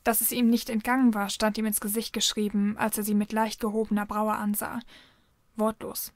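A woman reading a fan fiction story aloud in an even, measured narration. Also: mid-range voice, no echo.

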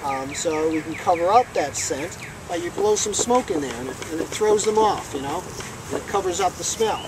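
A man's voice: fairly high pitch, lively intonation, normal speed. A man in his forties teaching a beekeeping class, explaining practical points with plenty of fillers. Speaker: beekeeping instructor. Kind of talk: hands-on teaching talk. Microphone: far camera. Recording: echoey and noisy from far off.

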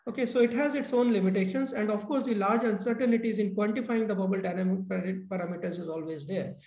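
High-voiced man lecturing, halting. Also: vocal fry, darkish tone. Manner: halting, many fillers and restarts. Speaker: keynote lecturer. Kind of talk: technical academic lecture. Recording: echoey room.

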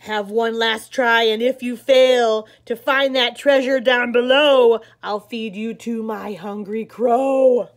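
A woman's voice: on the high side, steady tone, slow pace, few pauses, pitched below the performer's own voice. A woman voicing a bossy, menacing male lizard wizard in a storybook, commanding and threatening.

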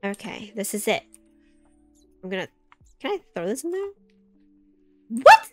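Lively young woman with light music behind. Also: medium pitch, moderate pace, no room sound. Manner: chatty, easily startled, yelps and screams. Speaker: gaming YouTuber. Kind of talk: casual let's play commentary. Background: soft background music.

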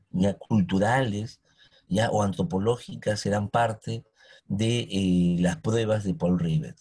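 A man's voice: fairly low pitch, darkish tone, breathy edge. A man teaching history, who keeps asking his listeners questions and coaxing answers. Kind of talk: recorded history lesson.

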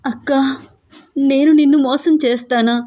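A woman's voice: high-pitched, steady tone, normal speed, mellow, voice pushed up, close to an everyday voice. A woman voicing a young medical student, an anxious younger sister who soothes her sibling through tears in a storybook reading. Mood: crying. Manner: crying, soothing.

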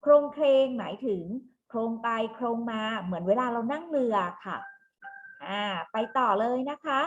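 A woman teacher running an online class for young children, slowly and clearly spelling out words. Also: on the high side, animated, highs cut off, soft background music. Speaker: primary school teacher. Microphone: video call.

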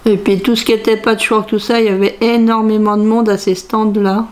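A woman's voice: mid-range voice, flat delivery, a little fast, darkish tone. A middle-aged woman chatting casually to camera from her craft room, musing aloud and half-singing repeated phrases as she hunts through her purchases. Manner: musing aloud, sing-song repeated phrases while searching. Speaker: crafts vlogger. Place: home craft room, indoors.

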